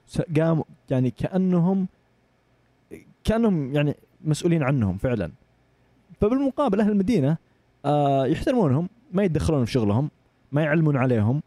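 Fast-talking Saudi man, mellow voice. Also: on the high side, no echo. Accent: Saudi Arabic. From Saudi Arabia. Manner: animated, acts out voices in anecdotes. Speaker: guest. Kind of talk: casual storytelling.

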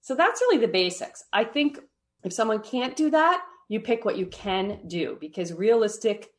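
A woman's voice: fairly high pitch, expressive, moderate pace. Woman explaining meditation habits. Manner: explanatory, often tags "right?", light laughs. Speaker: meditation teacher guest. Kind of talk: podcast interview.

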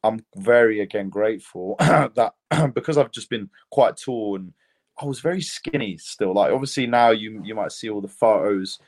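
A man's voice: lowish voice, normal speed, a little mellow. A young man from Lithuania with a British accent, a fighter telling his story in a casual podcast interview, rambling and laid-back with lots of fillers. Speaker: mixed martial arts fighter, guest.

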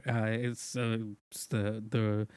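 A man's voice: fairly low pitch, flat delivery, slow, a little mellow, clear, resonant tone, no room sound. A man from Mexico chatting casually as a podcast guest, telling personal stories informally with slang and quoting himself. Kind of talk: casual chat and personal storytelling.

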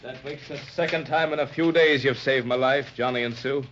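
An actor playing a brave, commanding veteran sea captain with hearty nautical talk in an old-time radio serial. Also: male voice, mid-range voice, fairly even intonation, brisk, fairly bright tone, a little hiss or hum, lightly acted. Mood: warm, grateful. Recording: dull lo-fi old radio recording.

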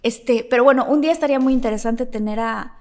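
A woman's voice: a little high, quick pace. A woman with a Mexican accent, animatedly telling a story in casual chat and acting out sounds with her voice.

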